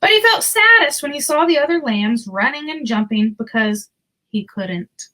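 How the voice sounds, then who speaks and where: A woman reads a children's storybook aloud, telling it expressively and deliberately. Her voice is high-pitched, and the recording sounds rough.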